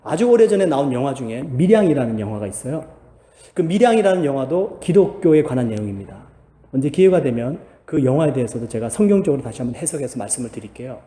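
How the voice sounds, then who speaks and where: A man's voice: medium pitch, sing-song, fast talker, mellow. A man preaching a sermon as pastor, earnest and building to emphatic exhortation. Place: church sanctuary. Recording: echoey church hall, long reverb.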